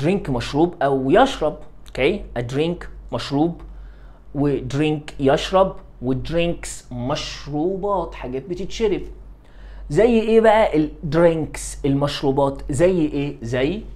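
A man with an Egyptian Arabic accent teaching English words to young children, repeating each one many times and stretching the English phrases out slowly. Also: a little high, darkish tone. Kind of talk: classroom-style vocabulary drilling.

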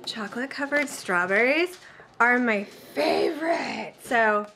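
A woman in her thirties chatting casually through a grocery haul in her home kitchen, excitable and talkative. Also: fairly high pitch, slow, vocal fry. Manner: chatty and excitable, with sudden squeals. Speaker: vlogger.

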